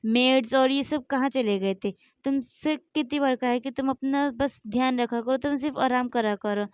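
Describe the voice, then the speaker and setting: A woman's voice: high voice, moderate pace, clear, resonant tone, dry recording, pitched above the performer's own voice, lightly acted. Woman reading a bossy, doting young man, scolding, stumbling over words, storybook tale. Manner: scolding, stammering.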